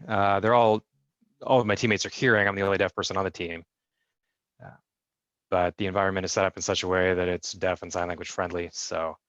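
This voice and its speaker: Over a video call, a male sign language interpreter voices a deaf guest's answers in the first person, speaking in a measured way with frequent fillers and restarts. His voice is low and a bit bright, and the lo-fi recording has no room sound.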